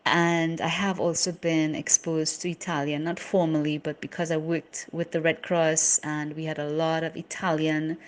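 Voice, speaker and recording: A woman from Trinidad and Tobago with a somewhat neutralized Trinidadian accent, introducing herself in measured speech with emphasis on key words. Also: low voice, flat delivery. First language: English. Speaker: interpreter and poem reader. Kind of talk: spoken self-introduction.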